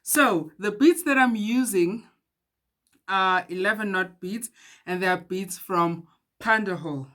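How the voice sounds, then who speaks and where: A woman's voice: medium pitch, slow pace, a bit bright. A woman hosting a casual beadwork tutorial, chatty and laughing at herself now and then. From Eswatini. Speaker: beading tutorial host.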